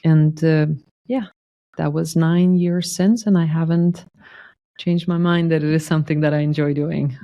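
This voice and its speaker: A woman in her thirties, originally from Lithuania, talks through her career as an interview guest. Her voice is mellow and fairly low, and she explains things earnestly with lots of little asides. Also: fairly even intonation, moderate pace. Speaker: sales guest. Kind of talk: conversational interview.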